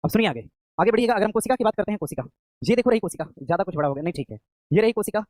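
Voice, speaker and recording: A man's voice: high-pitched, animated, very fast, a little mellow, no echo. A male coaching teacher giving an exam-prep lecture, asking his own questions and answering them, repeating each key term to a class that is also streamed online. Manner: repeats key terms again and again.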